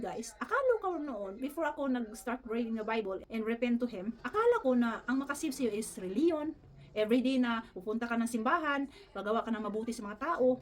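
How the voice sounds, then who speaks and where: Fast-talking earnest woman vlogger. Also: high voice. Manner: fast, earnest, keeps saying "guys", mixes English in. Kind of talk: casual storytelling to camera.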